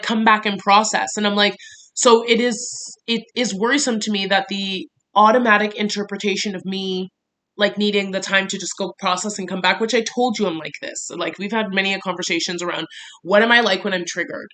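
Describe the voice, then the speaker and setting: A woman's voice: medium pitch, sharp tone. A woman recording a confessional diary vlog. She talks candidly and rambles, with a lot of "like". Her voice rises and speeds up when she gets worked up. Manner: candid, rambling, heavy use of "like"; voice rises and quickens when agitated. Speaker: vlogger.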